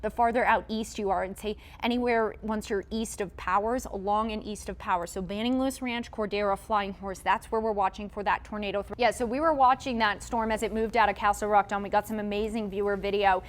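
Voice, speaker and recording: A woman's voice: mid-range voice, steady tone, brisk, few pauses. A woman meteorologist giving live breaking weather coverage, explaining radar and urging viewers to take shelter. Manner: urgent, explanatory, giving safety instructions.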